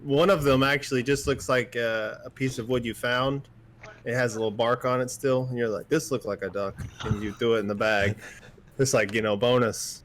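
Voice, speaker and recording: Casual, rambling game master. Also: male voice, mid-range voice, level tone, normal speed, fairly bright tone, slight background noise. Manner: casual, rambling narration with fillers. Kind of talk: narrating a tabletop game.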